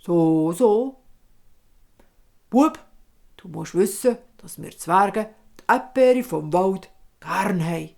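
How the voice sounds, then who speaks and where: A woman voicing a calm, bearded old dwarf king who speaks in a measured, kindly authoritative way, with a Swiss German accent. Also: mid-range voice, gravelly.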